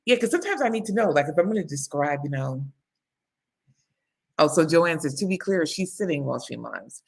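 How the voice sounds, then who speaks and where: A woman with a low, husky voice hosts a casual livestream as a book coach. She chats freely, laughs often and reads out viewer comments. There is a gravelly edge to her speech. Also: sing-song, brisk, darkish tone. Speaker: book coach hosting live writing sprints. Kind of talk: casual live-stream chat.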